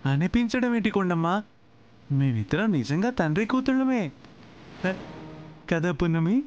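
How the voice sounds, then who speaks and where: A man's voice: high-pitched, expressive, moderate pace, a little mellow, highs cut off, slight background noise. An actor playing a kind, protective middle-aged father figure in a TV serial, speaking in a soothing, coaxing way. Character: kind fatherly older gentleman, protective and gentle. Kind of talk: TV serial acting.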